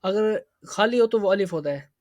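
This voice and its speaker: A woman teaching a tajweed lesson to children. She draws out each syllable slowly when spelling it out, then speeds up to explain the rules, asking and answering her own questions. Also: mid-range voice, lively intonation, a little mellow, no echo, studio quality. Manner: slow drawn-out spelling, then brisk explaining. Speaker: Quran reading teacher.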